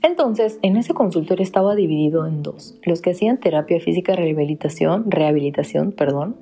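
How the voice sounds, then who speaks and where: A woman's voice: fairly low pitch, animated, a little fast, dark tone, soft background music. A young woman from Peru with a Peruvian Spanish accent, confiding a personal story directly to her viewers in a casual vlog. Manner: confiding, speaks straight to viewers. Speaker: vlogger.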